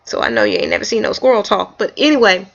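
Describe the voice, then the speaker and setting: A woman vlogger telling a story in a casual, animated, folksy way. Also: mid-range voice, fast, vocal fry. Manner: animated, folksy storytelling with Southern-leaning speech. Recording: dull lo-fi home video.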